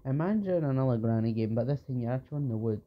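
A man's voice: medium pitch, expressive, fast talker. A man talking his way through a horror game, rambling on and pleading with the character chasing him. The recording is dull and lo-fi, with a faint hum underneath. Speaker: gamer. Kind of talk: let's play commentary.

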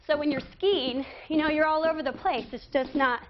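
A woman's voice: high voice, fairly even intonation, normal speed, dull audio, slight background noise. A woman fitness trainer coaching exercises in an indoor studio, a little out of breath, with upbeat cues. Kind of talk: coaching a workout demo.

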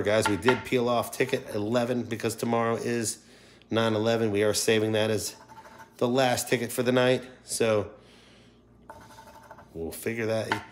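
A man's voice: mid-range voice, a little hiss or hum. A middle-aged man giving casual, chatty livestream commentary to his viewers. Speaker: livestream host scratching lottery tickets. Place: indoors at a wooden table.

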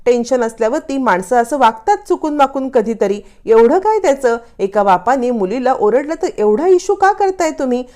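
A woman voicing a stern older grandmother in a drama recap, sharp and defensive. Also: sits high, very animated, normal speed, hardly any pauses, voice pushed up.

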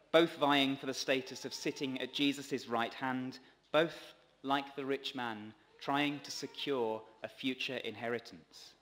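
A male priest reads a scripted sermon into a gooseneck lectern microphone, his medium-pitched, slightly bright voice phrased with care and measure. A large stone church adds long reverb after each line.

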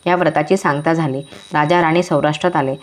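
A woman narrates a devotional folk tale with a low, steady voice. She speaks in measured, rhythmic short phrases, in the manner of a traditional storyteller.

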